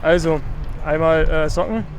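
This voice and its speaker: A man chatting casually to the camera in a relaxed, rambling way, with many filler sounds. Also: fairly high pitch, normal speed, crowd noise. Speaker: pro gravel cyclist vlogging a race trip. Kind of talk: casual vlog chat to camera.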